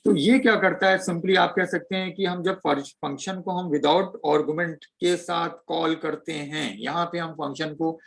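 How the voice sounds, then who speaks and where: Husky gravelly man teaching. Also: fairly high pitch, unhurried, hardly any pauses, a bit bright, low-quality recording. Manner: explains step by step while typing code. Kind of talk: online coding lecture.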